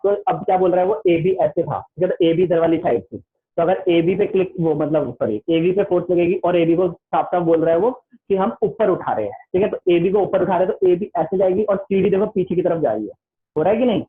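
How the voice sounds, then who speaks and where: A man teaching an online class with a Hindi accent, chatty and repetitive, reading the textbook aloud slowly in English. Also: sits high. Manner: chatty, keeps saying "listen carefully", reads the textbook slowly in English. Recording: tinny phone-like online class audio.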